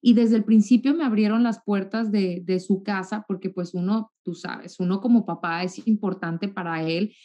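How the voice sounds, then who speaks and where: Northern Mexican woman, 30s, relaxed chatty guest on a webcam call. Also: medium pitch, normal speed, hardly any pauses. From Mexico, raised in Monterrey. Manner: warm chatty, repeats words when restarting. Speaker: guest, TV journalist. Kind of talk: casual interview chat. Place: home room, indoors. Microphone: video call webcam.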